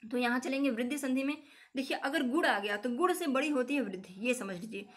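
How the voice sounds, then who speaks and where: A woman's voice: high-pitched, brisk. A young woman teaching a grammar lesson for exam preparation, repeating the key points and calling her viewers friends.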